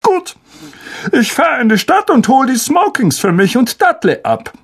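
A pompous, bossy uncle who lays down the law with great self-importance, played by a reader. He speaks slowly and weightily, his voice swooping up and down for effect. A storybook performance. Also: sits high, sing-song, breathy edge, heavily acted.

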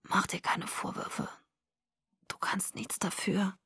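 A woman's voice: medium pitch, little pitch movement, slow, pushed and bright, husky, dry recording, clean studio sound, heavily acted. A woman reading the part of a sick young man who whispers faintly and lifelessly on the phone. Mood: weak whisper.

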